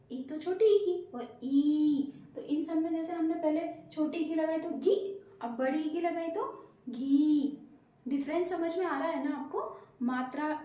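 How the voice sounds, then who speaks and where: A high-pitched woman teaches young children in a sing-song, coaxing voice, stopping often to quiz them. Her tone is mellow and soft-edged. The room rings with heavy echo. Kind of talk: children's Hindi lesson. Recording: very echoey room.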